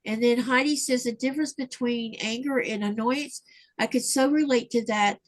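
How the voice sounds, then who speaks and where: Her voice pitched slightly high, a woman running a craft livestream from home reads out viewer comments and tacks on her own remarks, relaxed and full of ums and uhs. She talks at a moderate speed into a livestream mic, and the audio quality is poor.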